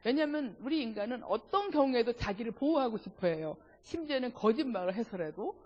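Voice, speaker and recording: A woman giving a church family seminar lecture, lively and engaging, asking the audience questions. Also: a little high, brisk. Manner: acts out quarrels between spouses in quoted voices. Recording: dull lo-fi recording in a reverberant hall.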